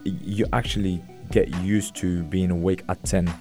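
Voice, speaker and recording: A man's voice: deep voice, level tone, moderate pace. A man with a North African Moroccan accent mixed with north-east English Geordie, chatting casually as a fighter being interviewed. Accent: Moroccan mixed with north-east English Geordie and Mackem. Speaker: MMA fighter, interview guest. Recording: music playing behind the voice.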